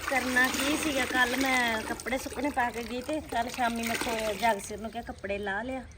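A woman's voice: a little high, steady tone, fairly quick. A woman vlogger chatting casually about everyday things at home. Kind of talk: casual chat. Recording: noisy home recording outdoors.

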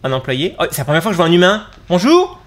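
A man doing excited let's play commentary, exclaiming and jumping up in pitch as he plays. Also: very fast. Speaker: gaming YouTuber.

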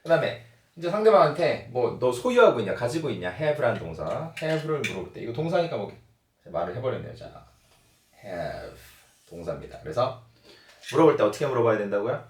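A man's voice: medium pitch, sing-song, a little fast, far from the mic. A man teaching an English lesson step by step, repeating example questions many times. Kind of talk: lecture-style lesson. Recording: echoey room, voice from away from the mic.

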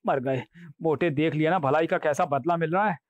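A man's voice: on the high side, a little fast, no room sound, muffled recording, lightly acted. A man voicing a cunning, cheeky courtier in a comic audiobook, full of mocking quips and nervous asides. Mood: wisecracking. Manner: wisecracking and sly, mocking quips. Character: cunning, cheeky male courtier, sly and cowardly.

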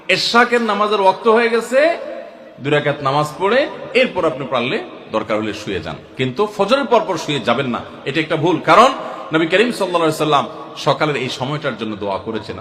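A man giving casual religious advice, talking conversationally to listeners in a relaxed, advising way. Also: mid-range voice. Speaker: religious speaker. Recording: echoey room with long reverb.

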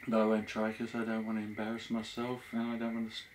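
Man, relaxed casual chat, mouth full, faint background noise. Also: lowish voice, quick pace. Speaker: host of food channel.

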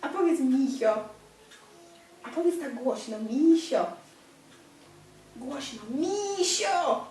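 A woman's voice: high voice, lively intonation, a little slow, long pauses, dark tone. A young woman reading a picture book aloud to a small child, coaxing him with simple questions and praising his answers. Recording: echoey room, distant mic, faint noise.

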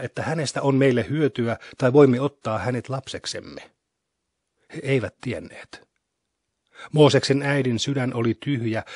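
A man giving a solemn, scripted scripture reading in a measured, unhurried manner, recorded close to a studio microphone. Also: medium pitch, a little mellow, slightly rough, no echo. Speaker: scripture reader.

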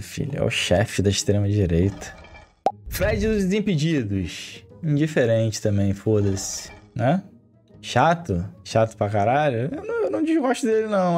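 Lively, blunt male streamer. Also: medium pitch. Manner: blunt, irreverent snap verdicts with slang. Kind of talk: live stream commentary.

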